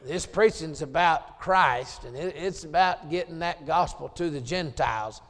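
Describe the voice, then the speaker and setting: A Southern revival sermon comes from a gravelly preacher in his late forties whose voice runs slightly higher than most men's, speaking a little slowly. He moves from low, chatty asides to loud, hollered scripture. The church sanctuary carries a long echo.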